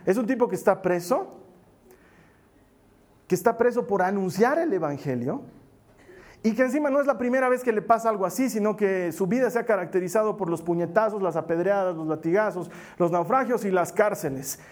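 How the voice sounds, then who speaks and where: High-voiced pastor preaching a lively sermon. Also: male voice, a little fast. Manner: acts out worried voices, swings between loud emphasis and soft low prayer.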